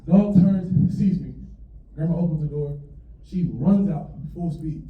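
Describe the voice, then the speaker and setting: A man's voice: a little high, measured pace, echoey room, distant mic, phone-quality sound. A young man doing stand-up storytelling on a comedy stage and acting out the voices of the people and animals in his story. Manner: animated, acts out voices of grandma and dogs. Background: audience laughter.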